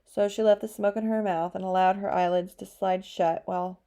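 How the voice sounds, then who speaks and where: A woman narrating an audiobook chapter with a steady storytelling delivery. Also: medium pitch, brisk. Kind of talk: scripted narration.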